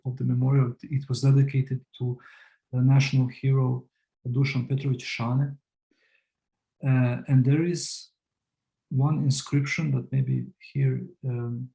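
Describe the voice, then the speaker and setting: A man from Serbia presents his academic talk in a tired, halting way, stopping to restart his sentences again and again. His voice is dark and gravelly, with a flat, even pitch. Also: poor audio. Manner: halting, many restarts and fillers, low energy. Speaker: guest speaker.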